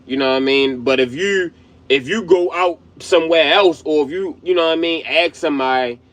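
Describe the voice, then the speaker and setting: A young man from Baltimore, USA, with a Baltimore accent, hosts his own channel in a loose, slangy, profane commentary monologue. He rambles emphatically, saying "you know what I mean" a lot, in a voice on the high side, fairly quick and fairly bright.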